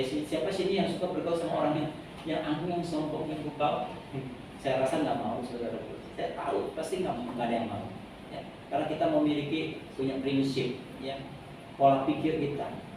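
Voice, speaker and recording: Chatty pastor in an echoey hall. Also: male voice, fairly high pitch. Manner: chatty, rambling, leads congregation in reading. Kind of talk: informal sermon. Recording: very echoey hall, distant mic, noisy.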